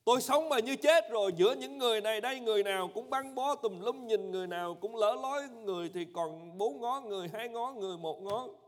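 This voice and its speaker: A high-voiced man acting out a desperate male leper, crying out in anguished, pleading tones. The voice rings high and carries a long reverb, as in a church hall. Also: fast talker, few pauses. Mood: lamenting.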